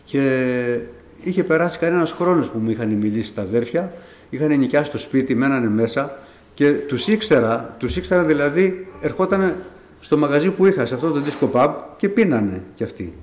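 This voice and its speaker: A man's voice: mid-range voice, expressive, a little mellow. A middle-aged man telling his personal faith testimony to a congregation in a conversational, storytelling way, acting out the dialogue he recalls. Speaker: church member giving testimony. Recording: echoey room.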